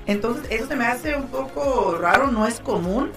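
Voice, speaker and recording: A woman's voice: on the high side, animated, normal speed, over music. A woman co-hosts a talk show as a lender, explaining and advising in a casual, conversational way. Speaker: radio show co-host and mortgage lender. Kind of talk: casual on-air talk and advice.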